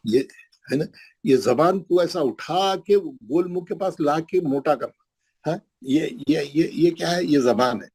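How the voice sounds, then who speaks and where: Slow, patient man teaching recitation. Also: a little high, darkish tone, husky, poor audio. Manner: patient, repeats sounds slowly for pupils. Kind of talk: online class on pronunciation. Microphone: video call.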